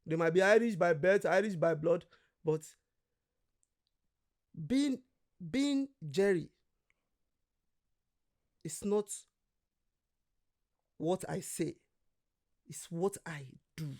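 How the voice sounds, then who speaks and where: A man's voice: sits high, expressive, slow, pauses often, a little mellow. A man from Nigeria, a guest in casual conversation, telling stories animatedly, acting out quoted voices and swearing freely.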